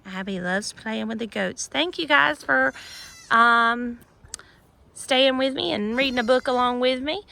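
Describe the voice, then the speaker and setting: A woman's slightly high, gravelly voice moves at a measured pace as she reads a rhyming picture book to children outdoors among goats on a farm. She reads in an animated sing-song style with chatty asides.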